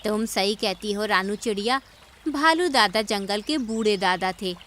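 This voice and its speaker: Woman voicing a calm, wise auntie bird. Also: mid-range voice, measured pace, slight background noise. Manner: calm and reasonable.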